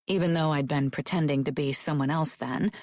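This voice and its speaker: A woman narrating a romance audiobook in the first person, with an expressive, lively delivery. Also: low-pitched, fairly quick, dry recording, clean studio sound.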